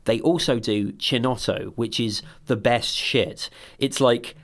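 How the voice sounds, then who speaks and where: A man's voice: medium pitch, slow, gravelly, a bit bright. A man co-hosting a podcast, chatting casually in a rambling, sweary way and trailing off mid-sentence. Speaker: podcast co-host. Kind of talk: casual chat.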